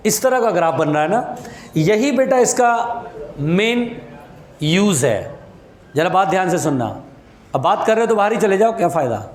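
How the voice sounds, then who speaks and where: Indian guy teaching physics, high voice all over the place, calls kids beta. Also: echoey room. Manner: addresses students as beta, repeats points, scolds chatterers. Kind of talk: classroom lecture. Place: classroom.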